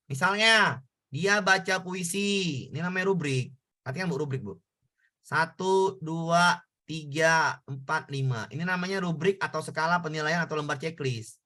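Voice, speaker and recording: A man's voice: on the high side, sharp tone. A man tutoring students in an online exam-prep lesson, repeating points and checking whether they understand. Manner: repetitive, coaxing questions to students.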